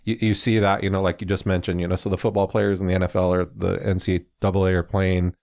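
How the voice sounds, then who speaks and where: A man's voice: sits low, flat delivery, fast talker, vocal fry, darkish tone. A man from California co-hosting a sports talk show, explaining at length in a rambling way full of fillers. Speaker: sports podcast co-host.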